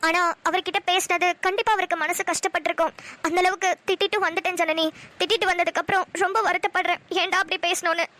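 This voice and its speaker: A woman's voice: very high-pitched, steady tone, fast, bright, forceful tone. A woman voicing a guarded young woman in a cartoon who explains herself anxiously and defensively. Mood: regretful. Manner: anxious, self-justifying. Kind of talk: Tamil cartoon voice acting.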